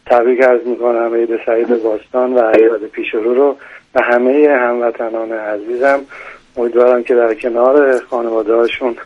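A man's voice: medium pitch, little pitch movement, muffled recording. A man, a singer, giving a formal, courteous radio interview and then singing. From Iran. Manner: formal, deferential phrasing. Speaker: guest singer.

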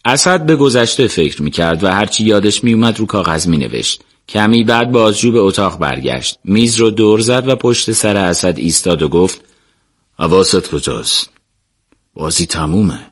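A man narrating a serialized book in a steady, even storytelling manner. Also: fairly low pitch, hardly any pauses. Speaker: audiobook narrator.

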